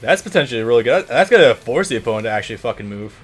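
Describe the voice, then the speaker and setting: Rapid-fire and very animated, this mid-range male voice belongs to a let's play co-host and gamer from the United States. He chats casually about the game and swears freely.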